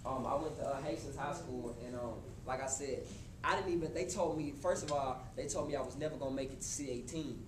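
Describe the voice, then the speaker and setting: A man in his twenties giving a motivational talk to a live college audience, casual and animated, speaking straight to the crowd. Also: medium pitch, brisk. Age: 20s. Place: college hall before an audience. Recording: echoey hall with room noise.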